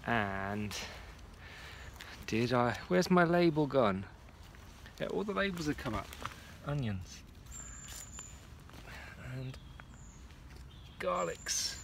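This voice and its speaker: A man in his forties walks around his garden allotment at dusk, chatting casually to a phone camera held at arm's length and muttering to himself as he checks on things. This vlogger has a medium-pitched, gravelly voice with big pitch swings, drawn-out words, and frequent pauses. A little hiss or hum sits under the recording.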